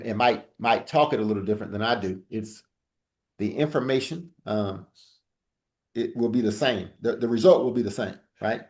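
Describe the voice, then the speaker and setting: A man's voice: mid-range voice, a little mellow. A man teaching a casual live trading class over a video call. He talks in a loose, joking way and often repeats words as he restarts a thought. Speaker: trading instructor.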